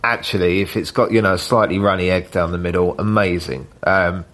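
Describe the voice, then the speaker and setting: A man's voice: low voice, a little fast. A man, a chef, chatting casually in an interview with lots of fillers and tag questions. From Britain. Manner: relaxed, rambling, with frequent fillers and tag questions. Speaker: chef and cookbook author.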